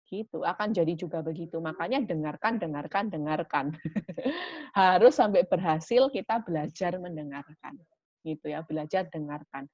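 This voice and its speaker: Woman, lowish voice, patient parenting talk, explanatory tone, dry dull recording. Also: lively intonation, moderate pace, no room sound. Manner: warm teaching tone with frequent "gitu ya" tags. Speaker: parenting speaker.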